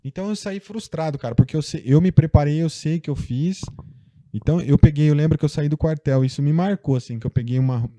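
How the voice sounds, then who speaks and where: A man's voice: a little high, fast, mellow, no echo. A young Brazilian man, a guest in a casual interview, telling a personal story in a loose, chatty way full of fillers. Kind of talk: casual conversation.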